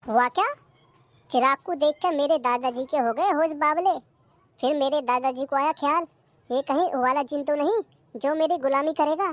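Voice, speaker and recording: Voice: high voice, moderate pace, no echo, natural voice. A voice actor playing a boastful young villager who tells a tall tale about his grandfather in a comedy cartoon. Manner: bragging storyteller.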